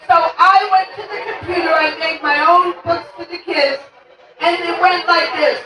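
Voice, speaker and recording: A woman's voice: very high voice, steady tone, normal speed, over music. An older woman doing a stand-up comedy set, with a brash, punchy delivery and sing-song emphasis. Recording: echoey room from far off, crowd noise.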